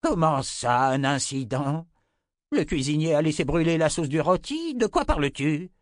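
A man playing a grumpy old wizard for an audiobook, his voice pushed high and loud. He blusters and complains. The recording is dry and close. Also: animated, no room sound, lightly acted. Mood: cranky, indignant. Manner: cranky, exclaiming, quick to complain.

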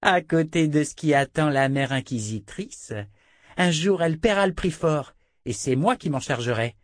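A man voicing a cruel, taunting little princess, high and shrill. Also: lively intonation, normal speed, dry recording, studio quality, natural voice. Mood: gloating. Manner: taunting, gloating.

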